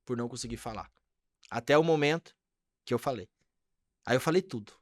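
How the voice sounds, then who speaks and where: A man's voice: medium pitch, brisk, dry recording, clean studio sound. A man, a podcast guest, telling an emotional personal testimony and acting out the voices in his dialogue.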